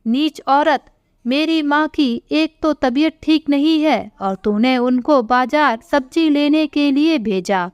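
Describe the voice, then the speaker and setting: A furious grown son hurls harsh rebukes at his wife in a storybook reading, as a woman puts him on. The voice stays high and unhurried. It sounds close and dry. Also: no room sound. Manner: harsh, scolding. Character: angry grown son defending his mother.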